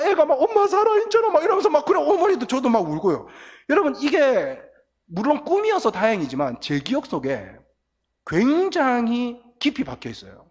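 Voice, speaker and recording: A middle-aged man preaching a lively, story-filled sermon to teenagers, acting out scenes as he goes. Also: high voice, husky. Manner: animated storytelling, acts out crying and quotes. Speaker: guest pastor. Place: church sanctuary. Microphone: church sound system, recorded from booth. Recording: long church hall reverb.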